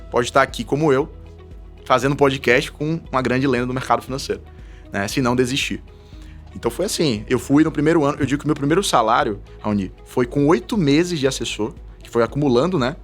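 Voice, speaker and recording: A man with a mid-range voice, a guest on a casual podcast, tells his story quickly and animatedly, laughing often, with faint music in the background. He is an investment advisor from Salvador, Brazil.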